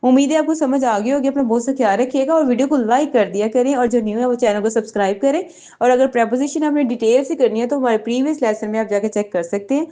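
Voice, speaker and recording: A woman's voice: a little high, fast talker, dark tone. A woman teaching English vocabulary in an online lesson, patiently repeating words and checking that listeners follow.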